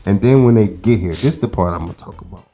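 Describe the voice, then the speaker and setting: Soft music sits faintly behind a thirty-something podcast co-host as he rambles through a long story in a laid-back, casual chat. He talks at a quick pace in a lowish, warm voice, with lots of fillers and curses.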